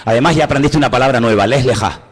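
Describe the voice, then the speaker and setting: A man's voice: mid-range voice, racing, slightly rough, in a large hall. A man from preaching a sermon, asking his listeners questions as he goes. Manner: animated, asks the congregation questions.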